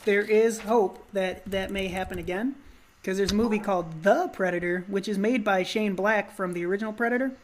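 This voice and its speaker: Woman, podcast co-host, casual movie chat, teasing, middle pitch. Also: fairly quick, slight background noise. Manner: joking, teasing, lots of ums.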